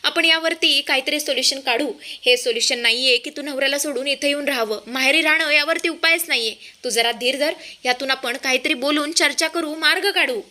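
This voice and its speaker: A woman voicing a gentle elderly grandmother who speaks in a soothing, reassuring way. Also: sits high, fairly quick, hardly any pauses.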